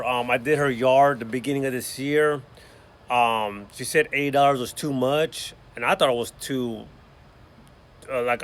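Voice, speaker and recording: A man's voice: mid-range voice, a bit bright, slight background noise. Chatty man vlogging outdoors. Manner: chatty, repeats "you know what I mean" and "y'all". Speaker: lawn care business owner. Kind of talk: casual vlog talk to camera. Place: outdoors in a yard.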